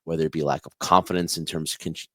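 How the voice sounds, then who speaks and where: A man co-hosting a podcast, giving earnest, quick opinions in casual chat. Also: very deep voice, little pitch movement, a bit bright, no room sound, studio quality. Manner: earnest, quick, restarts phrases. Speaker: podcast co-host.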